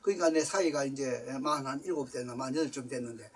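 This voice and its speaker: An older man, a seminary professor, lecturing a lay audience with lively personal stories and scattered English phrases. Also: mid-range voice, fast talker, distant mic. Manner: animated storyteller, mixes English phrases, acts out voices.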